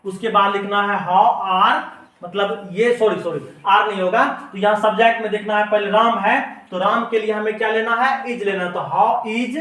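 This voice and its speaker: Male teacher, high voice, patient stepwise grammar lesson, distant mic in a roomy space. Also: sharp tone. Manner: slow, repeats each word while writing. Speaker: English teacher. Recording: echoey room, mic at a distance.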